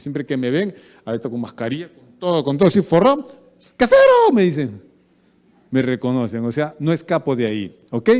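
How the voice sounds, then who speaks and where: Peruvian male preacher, animated storytelling delivery, warm low tone, long church reverb. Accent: Peruvian Spanish. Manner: animated preaching with acted-out anecdotes. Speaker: pastor. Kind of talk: sermon.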